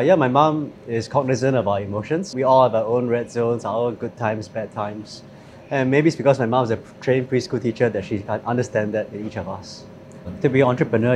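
A man in his thirties speaking in a thoughtful, measured way with fillers, interviewed at a restaurant table. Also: mid-range voice, a little mellow, a little hiss or hum. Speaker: company CEO. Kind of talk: interview conversation.

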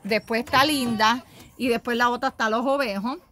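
A woman's voice: fairly high pitch, steady tone, normal speed, pushed and bright, a little hiss or hum. A woman filming her goats and sheep in an outdoor pen, talking to the animals in a soothing, cooing way and laughing often. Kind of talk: casual phone vlog with animals. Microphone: handheld phone.

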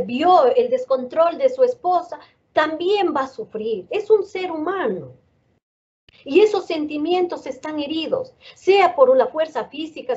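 A woman's voice: fairly high pitch, darkish tone. Earnest Ecuadorian woman lecturing parents. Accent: Ecuadorian Spanish. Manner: earnest, repetitive, lecturing with rhetorical questions. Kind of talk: talk to parents and teachers. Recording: dull lo-fi sound.

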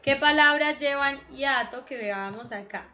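A woman teacher giving an online grammar lesson for children, explaining slowly and patiently over a video call. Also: sits high, pushed and bright, lo-fi sound.

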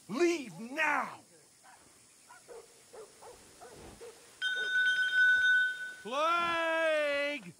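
An actor playing a frantic frontier town crier in a western video game, calling out loud, drawn-out warnings over outdoor ambience. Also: male voice, very high voice, a little hiss or hum, exaggerated voice. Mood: alarmed, urgent.

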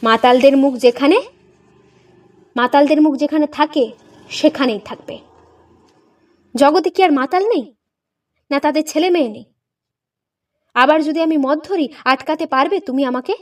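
A woman's voice: sits high, a little slow, pauses often, recorded from a distance. A woman reading a story, voicing a wry, teasing elderly husband who jokes his way out of questions. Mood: annoyed. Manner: wry, bantering.

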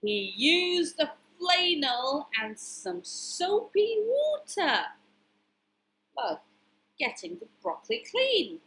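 Brief: teacher reading to kids, high bright voice, slow and very expressive. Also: female voice, low-quality recording. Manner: animated, pointing out pictures and asking questions. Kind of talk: reading a picture book aloud to children.

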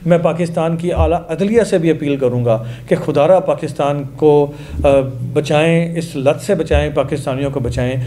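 A man's voice: on the high side, normal speed, hardly any pauses, dark tone, slight background noise. A man in his forties with a Pakistani Urdu accent, giving earnest news commentary to camera in a studio, making appeals.

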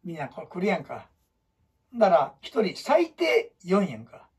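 Kansai man teaching storytelling, lively swooping delivery, husky voice, recorded from a distance. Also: moderate pace. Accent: Kansai (Osaka). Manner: animated, emphatic, shifts between loud bursts and low asides. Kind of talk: lecture to students.

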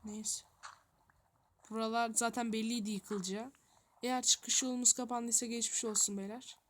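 A woman's voice: on the high side, level tone, moderate pace, slight background noise. A woman giving running gameplay commentary, thinking aloud, talking straight to her viewers and muttering to herself in a flustered way. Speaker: gaming youtuber.

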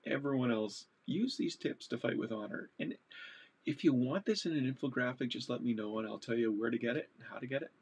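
Man, from Canada, gravelly voice, husky, casual chatty talk. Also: mid-range voice, brisk, darkish tone. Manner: chatty, digressive, laughs at himself. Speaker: pastor giving advice.

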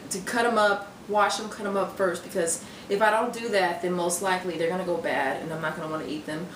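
Speaking at a medium pitch with a slightly bright tone, this young fitness vlogger rambles through a casual meal-prep video at home, full of fillers and false starts. She's picked up by a camera resting on the kitchen counter a few feet off, giving a distant, roomy, noisy sound.

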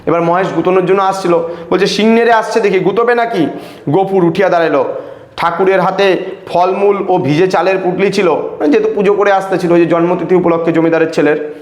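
A man's voice: sits high, fairly even intonation, brisk, a little mellow, echoey room. A male teacher reading a story aloud and stopping to add plain asides for his students. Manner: reads old-style prose, then adds plain asides.

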